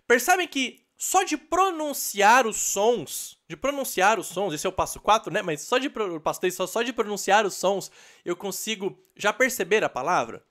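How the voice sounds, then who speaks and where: A male teacher gives a lively, explanatory online lesson on teaching children to read. His pitch swings widely as he sounds out letters one by one and pauses to check in with his students. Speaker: literacy teacher.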